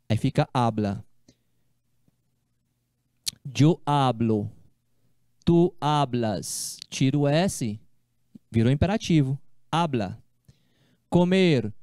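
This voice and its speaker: A man teaching a language class, explaining slowly and repeating each step, with casual friendly asides to his students. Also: fairly high pitch, dark tone, no room sound, studio quality. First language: Portuguese. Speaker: Spanish teacher. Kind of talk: online class lecture.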